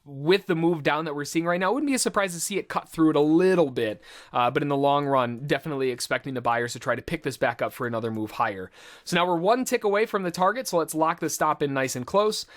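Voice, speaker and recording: A man who teaches trading gives live commentary in a fairly high voice. His talk is informal and explanatory, packed with trading jargon but kept conversational.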